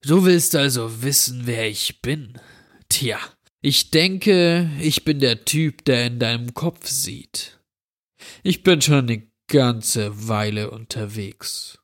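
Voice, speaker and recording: A drawling, menacing stranger, put on by a male reader in a horror story reading. He talks very slowly and mockingly, like someone savoring every threat. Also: medium pitch. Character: sinister drawling man, dirty, menacing wish-granter.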